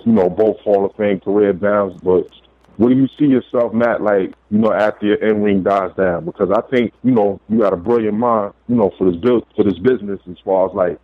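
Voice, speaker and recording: Male phone-in caller, Brooklyn accent, lowish voice, rambling casual talk over a tinny phone line. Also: brisk, no room sound. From Brooklyn, New York. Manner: hesitant, peppered with "you know". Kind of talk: casual chat. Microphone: telephone.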